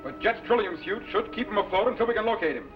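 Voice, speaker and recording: An actor playing a commanding scientist captain, authoritative and technical, in a vintage science fiction serial. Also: male voice, sits high, expressive, fast, soft background music. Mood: decisive, urgent. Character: commanding time-travelling scientist captain, calm and decisive. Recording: noisy, dull vintage broadcast recording.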